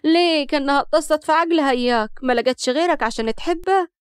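A woman voicing a sharp-tongued young wife with an Upper Egyptian accent, cutting and irritated. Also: sits high, fast talker, no echo, clean studio sound, voice pushed up, natural voice. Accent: Upper Egyptian Arabic.

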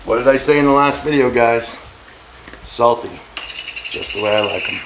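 This cooking vlog comes from a man in his forties in his own kitchen, brash and joking with plenty of profanity. His voice is mid-range and moderately paced, and the noisy background includes a sizzling frying pan.

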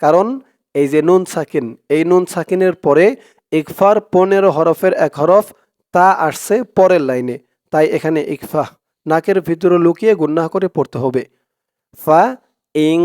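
A man with a high, smooth, resonant voice leads a slow recitation lesson. He splits each word into syllables, spells out the letters and draws the verses out in a chant for his viewers to repeat. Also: darkish tone, dry recording, studio quality. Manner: breaks words into syllables and chants verses slowly. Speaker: Quran reading teacher.

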